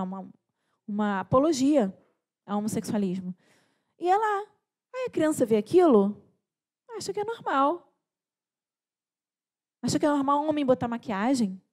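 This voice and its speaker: A young woman delivers a sermon at a church service with an animated, storytelling manner, her pitch jumping as she acts out what was said. Her voice sits fairly high but sounds mellow and warm, and she often restarts her phrases. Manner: animated storytelling with frequent restarts and quoted dialogue. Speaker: preacher.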